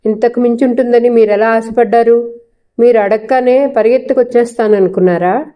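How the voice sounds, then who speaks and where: A woman's voice: a little high, fairly even intonation, a little fast, dark tone, close to an everyday voice. A woman voicing a proud, defiant young wife with a cutting, sarcastic way of talking.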